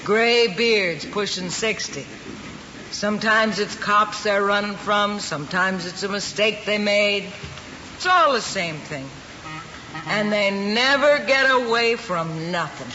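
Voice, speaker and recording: An American-accented actor with a high-sitting, sharp and exaggerated male voice portrays an older lunch counter worker, world-weary and plain-spoken, in a mid-century American television drama. The recording is muffled and noisy. His tone is knowing and blunt, his talk folksy, working-class and unhurried.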